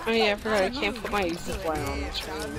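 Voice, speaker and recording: A woman chatting casually with a teammate during a shooter match, lively and laughing, now and then swearing. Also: mid-range voice, quick pace. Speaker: gamer. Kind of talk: casual gaming chat. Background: loud game music.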